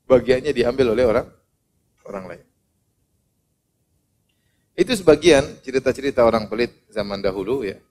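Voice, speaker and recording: A man preaches an Islamic sermon in a medium-pitched voice, full of animated, humorous storytelling in which he acts out the voices of the people he describes. The recording has a little hiss or hum.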